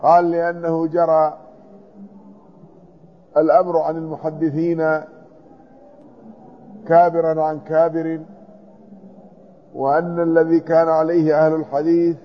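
A man with a high-ish voice teaches a classical hadith commentary lesson, reading a passage aloud and then explaining it word by word. He speaks in a monotone at a measured pace, with long pauses. The recording is dull and lo-fi.

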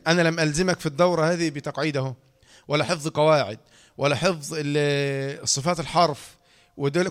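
A man with an Egyptian accent teaching Quranic letter pronunciation to trainee teachers, demonstrating sounds and asking his students questions. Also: on the high side. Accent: Egyptian Arabic. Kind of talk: lecture on tajweed pronunciation.

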